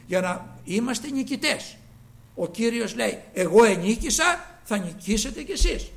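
A man preaching a sermon, with a high voice that leaps all over its range. His tone is gravelly, with fry at the ends of phrases. He moves from loud, fervent cries to hushed asides and acts out the voices he quotes. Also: expressive. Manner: fervent, swinging between loud exclamations and quiet asides.

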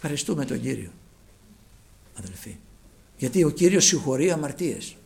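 A man preaching a sermon with fervour, his phrases often sinking to a hushed, low close. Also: sing-song, gravelly.

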